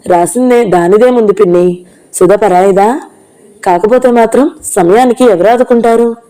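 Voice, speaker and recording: A reader voicing a calm, principled young husband who speaks firmly in an audio novel. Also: female voice, mid-range voice, normal speed, natural voice, poor audio.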